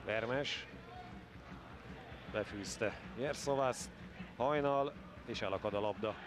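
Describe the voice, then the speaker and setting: A man giving Hungarian sports commentary as a football commentator. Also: medium pitch. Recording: broadcast over loud stadium noise. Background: loud stadium noise.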